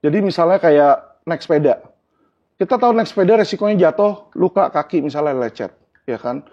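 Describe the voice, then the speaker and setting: Interview guest: man, husky and slightly high, earnest, plain examples, dull lo-fi sound. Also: lively intonation, a little fast. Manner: earnest, explains with everyday examples. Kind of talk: candid interview talk.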